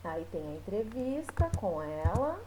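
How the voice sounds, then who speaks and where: A woman's voice: medium pitch, big pitch swings, mellow, slight background noise, low-quality recording. A woman teacher talking her class through a recorded lesson in a loose, chatty way, with many small fillers. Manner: explains slowly, with frequent fillers.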